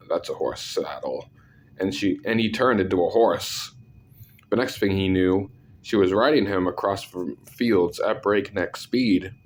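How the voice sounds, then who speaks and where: A man with a congested, sick-sounding voice narrating scary stories, with deadpan, self-deprecating asides. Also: sits low, a little hiss or hum. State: sick, clearing throat. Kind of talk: scripted story narration with casual asides.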